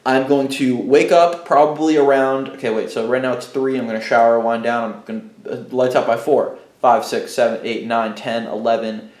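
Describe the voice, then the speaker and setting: A young man talks to his camera in a loose, rambling vlog. He thinks out loud, trips over his words and starts sentences over. His voice sits at an ordinary middle pitch, and the room gives it a noticeable echo. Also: level tone, normal speed. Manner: rambling, restarts, thinks aloud. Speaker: vlogger. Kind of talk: casual vlog talk to camera. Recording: echoey room.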